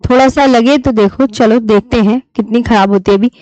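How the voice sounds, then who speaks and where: A woman teaching a live online class, patiently repeating key terms slowly for her students. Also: a little high, steady tone, a little mellow, no echo. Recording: dull lo-fi stream audio.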